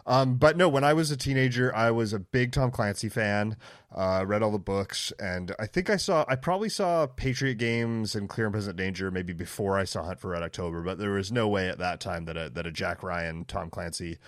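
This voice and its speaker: Lower-voiced man, dry close podcast sound. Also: brisk, dry recording. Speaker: podcast co-host. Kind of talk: casual chat.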